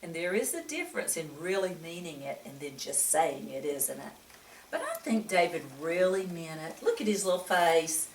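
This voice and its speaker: A woman with a sing-song voice on the low side reads to young children from a picture book at a moderate pace, exclaiming expressively and regularly posing questions to her listeners. Her audio has a little hiss or hum, an echoey room, and a distant microphone.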